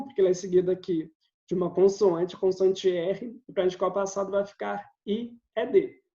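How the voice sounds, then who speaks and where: In a recorded video lesson, a male English teacher with a high, mellow voice explains things patiently step by step and often checks in with his listeners. The recording sounds roomy and slightly dull.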